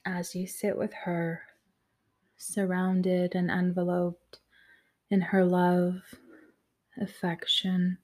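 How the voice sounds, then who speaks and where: A woman guides a meditation in a gentle, soothing voice that often falls to a whisper. She speaks very slowly and evenly, in a low, mellow tone with almost no rise and fall. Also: monotone.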